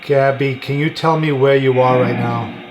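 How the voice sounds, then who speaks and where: A man hosting a paranormal session, putting short, deliberate questions to a spirit with long pauses between them. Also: mid-range voice, fairly even intonation, faint music behind. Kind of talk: slow, pausing questions addressed to a spirit.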